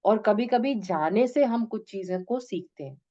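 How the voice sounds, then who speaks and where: Mellow-voiced woman giving a spiritual talk. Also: mid-range voice, expressive, normal speed, lo-fi sound. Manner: gentle, coaxing, addresses listeners as "beta"; mixes English phrases into talk. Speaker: spiritual teacher. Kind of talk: devotional discourse to students.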